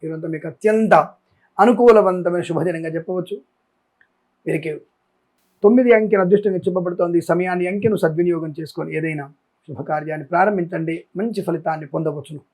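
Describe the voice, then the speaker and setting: A man's voice: high voice, darkish tone. A man hosting a daily horoscope show as an astrologer, rattling off long lists and making emphatic appeals. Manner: rapid listing, emphatic appeals. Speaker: astrologer and channel host.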